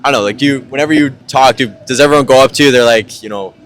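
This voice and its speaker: Halting young American man host. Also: mid-range voice. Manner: halting, full of fillers and restarts. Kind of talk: casual interview chat.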